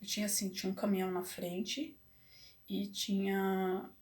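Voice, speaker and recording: A woman telling a personal story to camera, emotional and halting with many restarts. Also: mid-range voice, flat delivery. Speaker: vlogger. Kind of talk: personal confessional talk.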